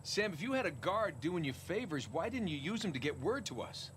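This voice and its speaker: An actor playing a calm, level-headed male treasure hunter in video game dialogue. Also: fairly high pitch, brisk. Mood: reasoning. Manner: calm, reasoning. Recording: game audio with ambient noise.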